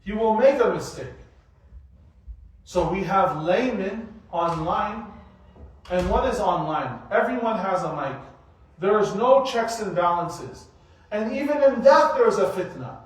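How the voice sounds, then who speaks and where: High-voiced man preaching in an echoey hall. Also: unhurried, recorded from a distance. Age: 40s. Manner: animated, asks rhetorical questions. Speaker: mosque teacher giving a weekly study circle. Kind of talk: sermon-style lecture. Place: mosque prayer hall.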